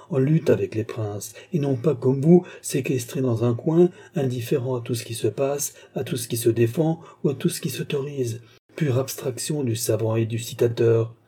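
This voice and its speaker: A man voicing a grave, troubled young male adept in an audiobook, speaking in a solemn, measured way. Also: medium pitch, mellow, slightly rough, close to an everyday voice. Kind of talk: audiobook character voice.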